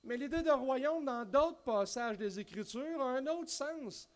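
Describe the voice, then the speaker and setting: Standing at a wooden pulpit on an indoor church stage, a Québécois pastor in his thirties delivers a sermon in a very high-pitched voice, speaking a little slowly. He has a Québécois French accent and an animated style, gesturing broadly, with frequent restarts and asides.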